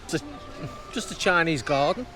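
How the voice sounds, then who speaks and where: Strolling outdoors in a theme park with music behind him, a vlogger speaks at normal speed in a voice on the high side, expressive, bright and forceful. His walk-and-talk commentary is casual, rambling and full of musing aloud.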